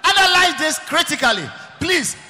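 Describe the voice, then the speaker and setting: A man preaching, emphatic and often shouting, repeating his phrases. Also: extremely high pitch, very animated, moderate pace. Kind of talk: preaching sermon. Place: large church hall. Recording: long reverb of a large church hall.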